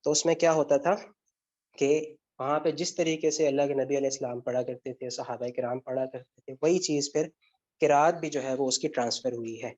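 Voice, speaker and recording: A male Arabic grammar teacher with a medium-pitched, slightly mellow voice gives an online lecture that includes student questions. Explaining step by step, he asks questions and then answers them on his own; the audio is dull and lo-fi.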